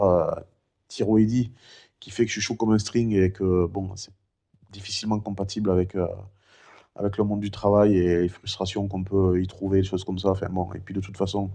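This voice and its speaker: Rambling middle-aged man, mellow low voice. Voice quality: no longer has a high head voice, one vocal cord impaired. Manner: rambling and talkative, many fillers. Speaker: vlogger recounting his cancer. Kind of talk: casual chatty vlog.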